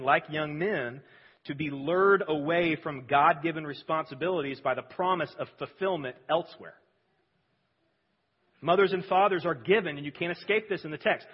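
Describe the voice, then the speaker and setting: A pastor preaching a sermon in a large church sanctuary, earnest and emphatic, often dropping suddenly quiet. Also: male voice, fairly high pitch, breathy edge. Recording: dull lo-fi sound with long hall reverb.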